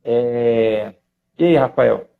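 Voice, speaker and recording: A man with a Brazilian Portuguese accent, a driving instructor and co-host, chatting in an animated, jokey way during a live stream and reading out viewer comments. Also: mid-range voice, very slow, vocal fry, phone-quality sound. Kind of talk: casual chat in a live stream.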